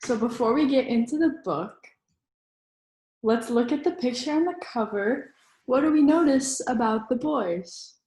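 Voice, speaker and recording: With a slightly high voice and a dark tone, a woman reads a children's picture book as a teacher would, breaking off to prompt the young audience with questions. The sound is roomy and the recording rough.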